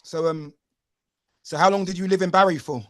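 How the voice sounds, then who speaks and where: A man's voice: sits high, steady tone, a little fast, no room sound. A man hosting a casual podcast interview, chatty and full of fillers, often asking "you know what I mean". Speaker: podcast host.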